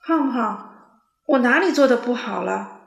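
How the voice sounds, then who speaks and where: A woman voicing a gentle duckling nurse who speaks softly to a child patient. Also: fairly high pitch, expressive, a little slow, creaky, roomy sound. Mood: hurt.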